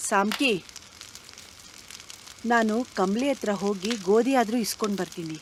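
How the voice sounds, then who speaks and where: A woman's voice: medium pitch, moderate pace, slight background noise, natural voice. An actress playing a worried village wife giving practical instructions to her daughter.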